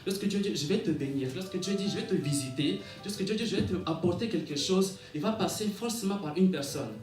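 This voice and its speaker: Music sounds behind a high-sitting, somewhat mellow male voice, picked up from a distance in a reverberant room. The man preaches and reads scripture, halting when reading, rhythmically repeating and rephrasing his lines and calling for amens.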